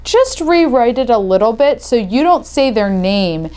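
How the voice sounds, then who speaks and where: A woman from the US, hosting her podcast show and giving energetic, chatty tips. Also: fairly high pitch, a little slow, clean tone. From Northeastern United States. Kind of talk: upbeat video tips talk to camera.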